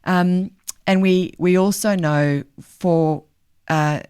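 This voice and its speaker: A woman's voice: on the low side, fairly even intonation, takes it slowly, a little mellow, clean tone. Guest: middle-aged woman, faint South African accent, earnest and emphatic. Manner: earnest, emphatic, thinks aloud with fillers. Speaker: guest, charity leader. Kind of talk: podcast interview.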